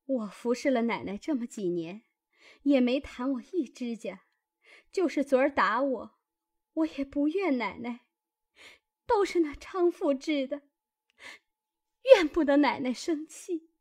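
A man's voice: very high voice, lively intonation, a little slow, long pauses, a little mellow, pitched above the performer's own voice. A man voicing a meek young maidservant pleading humbly with her mistress. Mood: humble. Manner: tearful, pleading.

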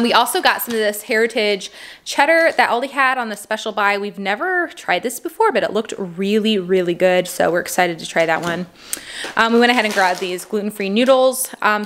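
A woman's voice: mid-range voice, fairly bright tone. Casual female vlog host, 30s, friendly chatter full of "um"s and small laughs, talking over groceries at home. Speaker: vlog host, mother of a large family. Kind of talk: casual grocery haul chat. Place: indoors at a home table.

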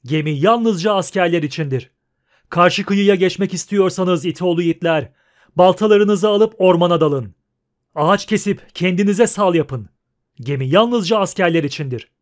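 A man voicing a wounded male cavalryman who shouts harsh orders at a crowd in an audiobook. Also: high voice, normal speed, close to an everyday voice. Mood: commanding.

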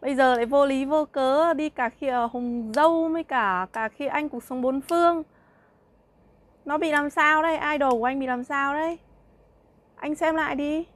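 High-voiced woman, mocking and scornful. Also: normal speed. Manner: mocking, scornful, laughing between jabs, repeating rhetorical questions. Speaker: vlogger. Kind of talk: heated monologue addressing a rival.

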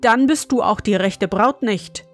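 A woman's voice: a little high, unhurried, soft background music. A woman voicing an earnest young king's son in a fairy tale, asking probing questions.

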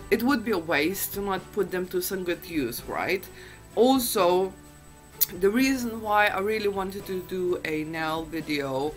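A woman's voice: fairly low pitch, sharp tone, poor audio. A woman chatting casually to camera as a beauty vlogger, in a groggy just-woken-up morning voice and a chatty, self-deprecating way.

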